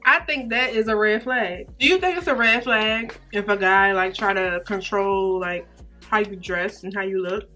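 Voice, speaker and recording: A young woman in casual girl-talk, speaking in an animated, emphatic, slangy way. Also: mid-range voice, moderate pace, faint music behind.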